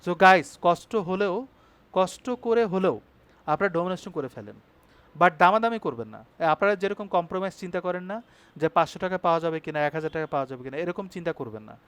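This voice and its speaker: A man teaching a live online web design class, talking fast and stopping often to check that his students follow. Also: sits high, lively intonation, fairly bright tone, smooth, dry recording.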